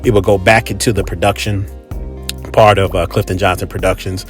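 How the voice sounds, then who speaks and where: Sitting low in pitch with fairly even intonation, this American man talks briskly as he hosts his podcast, faint music behind him. His opinionated monologue is casual, slangy, emphatic, and repeats itself.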